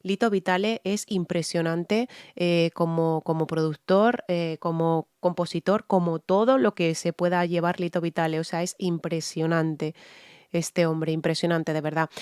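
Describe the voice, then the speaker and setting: A woman's voice: on the low side, darkish tone, smooth, no echo, studio quality. A woman from Spain with a Spanish accent, a vocal coach giving a candid, explanatory analysis of a singer's voice in a reaction video, often checking in with her listeners. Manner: frank, explanatory, frequent "¿vale?" check-ins.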